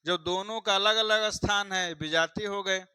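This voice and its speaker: A man's voice: high-pitched, steady tone, unhurried, pushed and bright, clear, resonant tone, dry recording, low-quality recording. A man teaching a grammar lesson for exam students, repeating each point and putting questions to his viewers. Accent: Hindi. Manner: repeats points, quizzes viewers, addresses them as friends.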